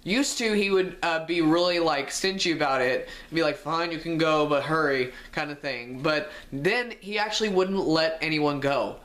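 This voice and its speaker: Young man, vlogger, exasperated storytime rant; fairly high voice that spikes when indignant. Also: moderate pace, hardly any pauses, a bit bright. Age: young adult.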